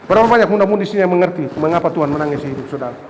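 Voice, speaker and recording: A pastor preaching an impassioned sermon, swinging from soaring cries to low murmurs. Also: male voice, animated, rapid-fire, slight background noise. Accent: Indonesian. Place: church sanctuary. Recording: echoey church hall with faint ambience.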